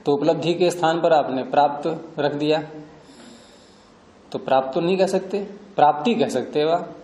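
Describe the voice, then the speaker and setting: A man's voice: a little high, normal speed, mellow, a little hiss or hum. A man teaching a class, patiently explaining terms, repeating them and asking and answering his own questions. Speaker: teacher of Sanskrit philosophy. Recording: echoey room.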